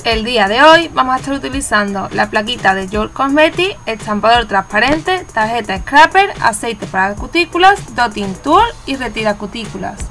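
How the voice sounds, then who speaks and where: A woman with a Spanish accent from Spain walks through a nail art tutorial, chatty and instructive, sometimes correcting herself. Her voice sits high and carries a gravelly edge. Soft music plays faintly underneath. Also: expressive, moderate pace, hardly any pauses. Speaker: nail art channel host. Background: faint background music.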